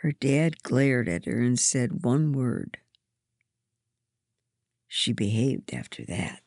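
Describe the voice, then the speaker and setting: Low, slow woman reading a story. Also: expressive, no echo, studio quality. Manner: gentle, measured first-person reading. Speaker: narrator.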